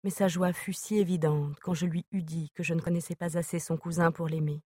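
A woman reading a novel aloud as narrator, in a measured, even manner. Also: fairly low pitch, dry recording, clean studio sound. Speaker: audiobook narrator.

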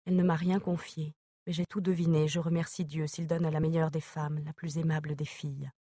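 A woman reading aloud, giving a soft, subdued voice to an earnest young woman choked with tears. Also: deep voice, little pitch movement, brisk, dry recording, studio quality. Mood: tearful.

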